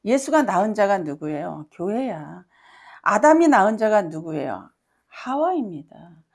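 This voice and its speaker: Woman, middle-aged, pastor, sermon with testimony, gravelly, emphatic, rhetorical questions. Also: mid-range voice, very animated, a little slow, a little mellow. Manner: emphatic, asks the congregation questions.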